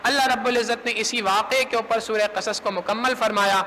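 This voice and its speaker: High-pitched impassioned male preacher, mosque hall. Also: fairly even intonation, bright, forceful tone. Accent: Pakistani Urdu. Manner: impassioned, quotes figures in dialogue. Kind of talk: sermon storytelling. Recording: reverberant mosque hall, faint hum.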